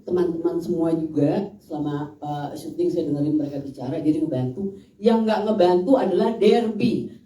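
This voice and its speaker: A woman with a Sundanese accent, an actress chatting in a press interview and telling stories with lots of laughter. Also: low-pitched. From West Java. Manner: laughing, animated storytelling. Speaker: film actress. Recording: echoey room, mic far off.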